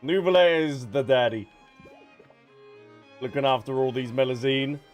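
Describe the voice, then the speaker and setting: A game streamer chats casually with his viewers during a livestream, speaking directly to them over game music. His voice is mid-range and a little slow.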